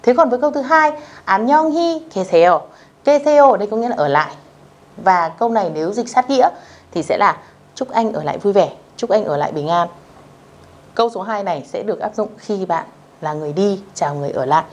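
Teaching beginners a language lesson, a woman with a mid-range, expressive voice speaks patiently. She repeats phrases slowly and checks that her students are following.

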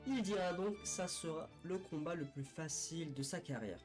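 The man's voice runs on the high side, a little mellow, at normal speed. He shares a sports history story in an unplanned, casual way, hesitating often with fillers and restarts, while faint music plays under a rough recording.

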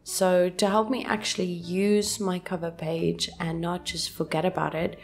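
A woman calmly narrating a scripted voice-over for her journaling video in a soft, gentle, unhurried way. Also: on the low side. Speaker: journaling channel host. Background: soft background music.

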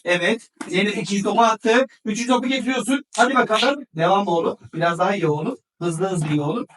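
Upbeat high-pitched dad hosting a family game, heard from a distance, constantly urging the kids to go faster. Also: male voice, a bit bright. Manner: urging, counting down, cheering children on.

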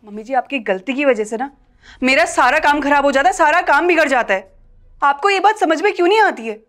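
An actress playing an outspoken young daughter-in-law who scolds and confronts others in a family short film. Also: female voice, fairly high pitch, fast talker, lightly acted. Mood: scolding. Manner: confrontational, scolding, rising loudness.

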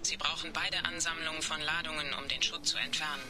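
A composed male crewman whose voice comes through a sci-fi communicator, thin and distant. He sits a little high and stays brisk and matter-of-fact. Game music plays behind him. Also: little pitch movement. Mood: businesslike. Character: calm male ship crewman reporting over comms. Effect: sci-fi radio communicator voice. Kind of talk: dubbed video game dialogue.

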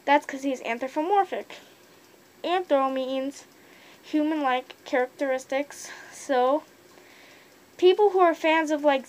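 A young woman rambling casually with many fillers about why she wears a fursuit, speaking from inside a costume head. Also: sits high. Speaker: fursuiter vlogger. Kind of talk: casual opinion monologue.

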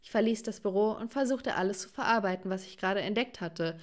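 A woman's voice: mid-range voice, fast talker. Cheeky woman narrating a story. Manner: cheeky, playful first-person telling.

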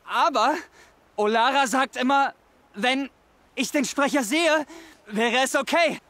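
A haunted young outcast pleads and frets in this video game scene. His voice sits very high for a man and stays anguished and desperate throughout. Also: slow, pushed and bright, no room sound, exaggerated voice.

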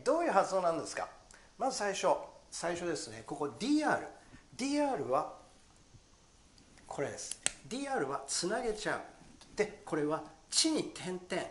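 A man who speaks natively, teaching pronunciation with a voice that swings up and down. He demonstrates each sound slowly and repeats it. The recording carries a roomy echo and a faint hiss. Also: high voice, a bit bright. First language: Japanese. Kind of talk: short pronunciation lesson.

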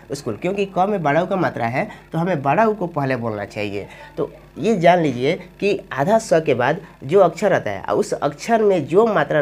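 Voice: medium pitch, darkish tone. A teacher explaining Hindi spelling step by step, asking questions aloud and then answering them. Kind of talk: spoken grammar lesson.

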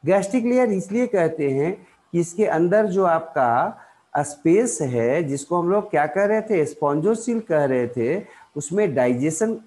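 Teaching biology in Hindi, an Indian man explains the material in a fairly high, slightly mellow voice, animated yet unhurried. He keeps posing questions to the class and then answering them himself, padding things out with fillers and restarts.

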